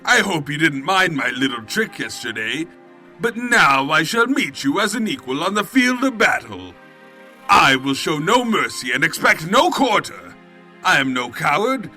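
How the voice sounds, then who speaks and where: King Sombra, animated pompous villain pony. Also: fairly high pitch, a little slow, faint music behind, full character voice. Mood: grandiose menace. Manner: pompous, melodramatic, slipping into evasive excuses. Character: evil, theatrical, scheming cowardly unicorn pony king. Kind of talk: comedic fan fiction audio drama acting.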